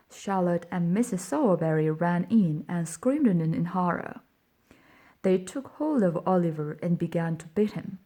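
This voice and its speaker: A woman reads a classic novel aloud, gentle and measured, sometimes sinking almost to a whisper. Her voice is mellow and lowish, and she takes her time. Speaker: audiobook narrator. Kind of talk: audiobook narration.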